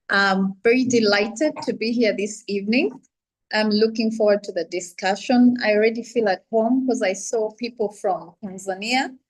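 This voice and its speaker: Woman from uganda, guest speaker, mid pitch, earnest, steady. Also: low-quality recording. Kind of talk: personal talk.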